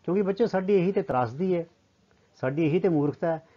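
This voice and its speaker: A man's voice: sits high, brisk. A man with a Punjabi accent, a teacher explaining a lesson to children word by word and asking them questions, on a slightly dull lo-fi recording.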